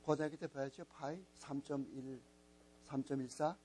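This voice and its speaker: This Bible teacher from a missionary training school has a medium-pitched, dark voice, holding a steady tone at a moderate pace. The rough recording carries some hiss or hum as he lectures, repetitively spelling out letters and coaxing the class through key words.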